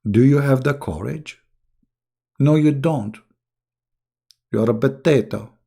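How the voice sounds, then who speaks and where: Speaking slowly at a medium pitch, a hoarse online religious commentator taunts and insults his targets in a rambling, mocking monologue. His voice is gravelly yet mellow, and it seems to be giving out.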